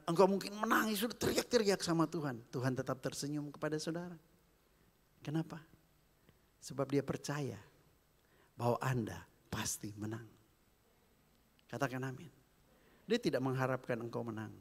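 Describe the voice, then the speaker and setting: A man preaching a sermon, swinging between hushed whispers and loud, emphatic calls. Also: medium pitch. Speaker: pastor. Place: church hall. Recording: long reverb of a church hall with faint music.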